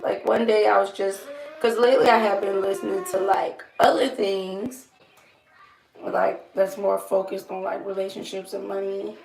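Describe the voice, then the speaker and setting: A woman's voice: medium pitch, creaky, a little mellow. A young adult woman with a strained, throaty voice, chatting casually and ramblingly as she does her makeup in a small room. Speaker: makeup vlogger. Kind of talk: casual chatty get-ready-with-me. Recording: roomy echo, light background noise.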